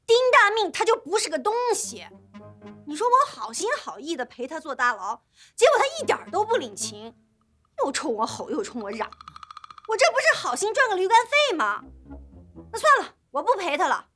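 An actress playing a brash young daughter who scolds bluntly and talks back. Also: female voice, very high voice, sing-song, normal speed, bright, forceful tone, soft background music, full character voice. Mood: scornful. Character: brash, sharp-tongued young woman, daughter.

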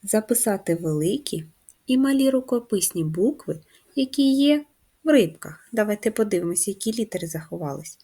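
Patient husky woman teaching first graders. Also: medium pitch, expressive, dark tone. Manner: slow, patient, guiding children step by step. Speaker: primary school teacher. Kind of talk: handwriting lesson for first graders.

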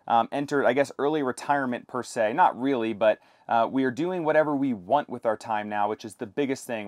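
A man's voice: medium pitch, no room sound. Young man, dry close-miked explainer. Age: 20s. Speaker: video host, property investor. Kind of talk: informal explainer talk to camera. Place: inside a camper van. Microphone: lapel mic.

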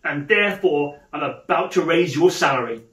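A man's voice: a little high, animated, normal speed, fairly bright tone, roomy sound. A man playing a stern old miser of a boss who growls in a curt, menacing way in a storybook reading. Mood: mock stern.

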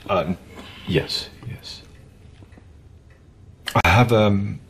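An actor playing an awkward, hesitant seller who speaks haltingly with many ums, in a gravelly voice. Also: male voice, on the low side, steady tone, fairly bright tone, heavily acted. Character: awkward hesitant male seller, middle-aged. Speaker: seller of music memorabilia. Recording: noisy background hiss.

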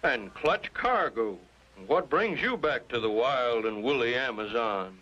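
A man's voice: medium pitch, animated, unhurried, bright, forceful tone. A man voicing a fretful middle-aged rancher and father in a cartoon, speaking in an emphatic way. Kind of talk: 1950s cartoon voice acting. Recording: dull lo-fi soundtrack with music.

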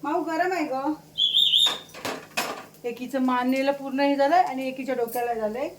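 A woman's voice: moderate pace, echoey room, distant mic, noisy background. A woman vlogging casually from her home kitchen while cooking, chatting to viewers and to her pets. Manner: chatty, switches to high sing-song baby talk for her pets. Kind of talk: casual home vlog narration. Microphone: phone held or propped while cooking.

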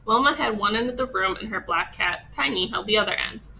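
A woman teacher reading a children's picture book aloud, expressive and unhurried. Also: mid-range voice, vocal fry, a little hiss or hum, low-quality recording. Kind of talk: children's storybook read-aloud.

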